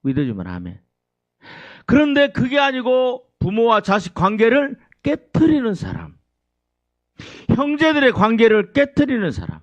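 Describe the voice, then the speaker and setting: A man's voice: very high voice, wildly swooping pitch, unhurried, no echo, lo-fi sound. A male pastor preaching a sermon, full of rhetorical questions to his congregation.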